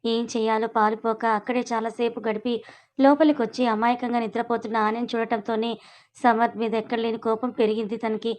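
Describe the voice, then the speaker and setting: A woman storyteller narrating a written story aloud in a brisk, steady reading. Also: a little high.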